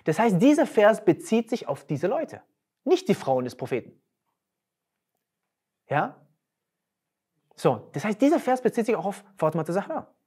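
A woman's voice: medium pitch, big pitch swings, moderate pace, warm tone, husky. A woman giving a religious lecture, emphatic and firing off rhetorical questions.

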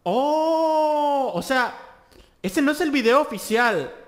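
A young man from Latin America reacts to a song with a strikingly high-pitched voice, piling up excited exclamations. He keeps breaking down the singer's vocal technique as he goes. Faint music plays under his voice. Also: a little slow. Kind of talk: reaction commentary over a song. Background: song playing faintly.

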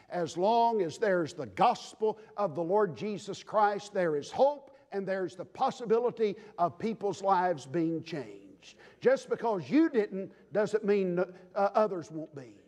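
A man preaching a sermon as pastor, emphatic, building to loud declarations and dropping low again. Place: church sanctuary. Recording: long reverb of a church sanctuary.

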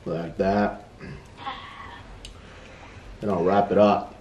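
A middle-aged man with a low voice talks casually while chewing his food. He sounds like a dad hosting a family meal, in an echoey room with clear noise behind him. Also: flat delivery, very slow, darkish tone, distant mic, lo-fi sound. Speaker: father hosting a family eating show. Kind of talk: casual mukbang chat. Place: indoor room at a table beside a sizzling griddle.

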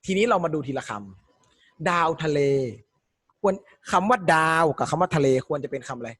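A male tutor with a fairly high voice walks students through exam questions, stopping again and again to ask them for the answer. The sound is close and dry, with no room echo at all. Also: animated, normal speed, a bit bright, slightly rough. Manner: explains step by step, quizzing students with questions. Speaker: Thai language tutor. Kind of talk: exam-prep lesson.

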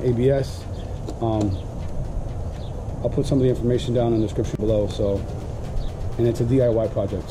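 A man in his thirties casually reviewing fishing gear outdoors in a backyard, talking with frequent fillers as he holds up each item. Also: mid-range voice. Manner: relaxed, many "um" fillers, explains gear while holding it up. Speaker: kayak fishing vlogger.

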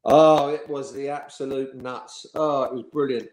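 A man's voice: mid-range voice, unhurried. Chatty man in his sixties, echoey room. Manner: lively storyteller, chuckling, acts out the people he quotes. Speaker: former footballer, interview guest. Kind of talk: anecdotal interview storytelling.

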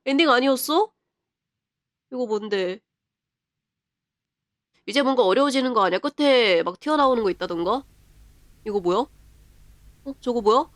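A woman live-streaming a horror game, chatting and reading the game's text aloud as she plays. She often breaks into quick strings of repeated exclamations. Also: on the high side, animated, dry recording. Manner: bursts of rapid repeated exclamations.

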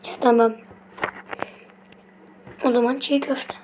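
A voice play-acting a fight scene in a casual, rough, taunting way, trading quick lines back and forth. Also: medium pitch, little pitch movement, darkish tone. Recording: noisy amateur home recording.

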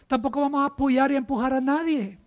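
A man delivers a sermon to his congregation in a church. His voice sits extremely high for a man, and he drives his points home with emphatic rhetorical questions. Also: quick pace. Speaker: pastor.

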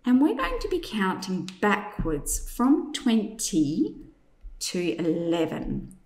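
A woman presents a lesson for young children in a slow, carefully enunciated voice. Her mid-pitched delivery moves up and down in an animated way as she instructs and asks simple questions. The room adds a noticeable echo. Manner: clearly enunciated, drawn-out number words, simple guiding questions. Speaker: teacher presenting a maths activity. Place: indoors in a room, demonstrating at a tabletop. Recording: echoey room.

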